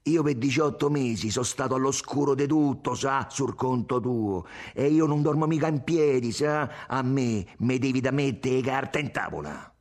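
A man's voice: medium pitch, very animated, measured pace, pitched above the performer's own voice. A man reading an audiobook, voicing a jealous, violent young man. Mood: angry, interrogating. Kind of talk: audiobook character voice.

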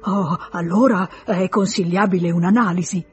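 A woman's voice: lowish voice, steady tone, moderate pace, darkish tone, faint music behind, natural voice. A woman voicing a pompous pharmacist. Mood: lecturing. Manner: self-assured, lecturing. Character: pompous know-it-all male pharmacist.

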